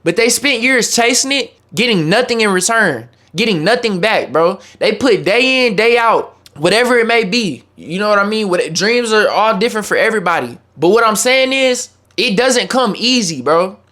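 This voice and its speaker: High-pitched man giving emphatic motivational talk. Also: animated, moderate pace, hardly any pauses, pushed and bright. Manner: emphatic, repetitive exhortation; slangy, informal address. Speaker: YouTuber.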